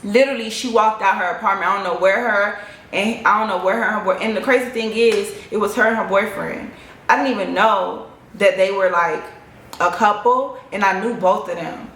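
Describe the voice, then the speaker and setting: A woman's voice: medium pitch, normal speed. Chatty young woman in an echoey room. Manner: animated, profane, chatty storytelling. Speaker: vlogger. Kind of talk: casual storytime monologue. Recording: echoey room, faint ambience.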